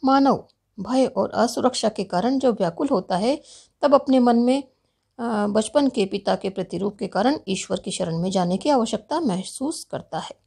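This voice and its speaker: Gravelly-voiced woman lecturing. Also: on the high side, lively intonation, moderate pace, dark tone. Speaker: philosophy lecturer. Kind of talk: recorded university lecture.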